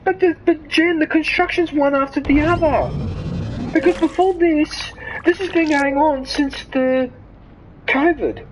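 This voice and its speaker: A high-pitched, unhurried voice with fairly even intonation belongs to a streamer from Sydney, Australia chatting during a live game stream. Over a noisy background and a headset mic, they ramble and rant, swearing freely and then apologizing.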